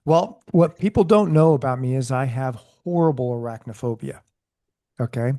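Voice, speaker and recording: A man, a former police sergeant, co-hosting a casual chat and telling a story with laughter and loud quoted shouts. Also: mid-range voice, moderate pace.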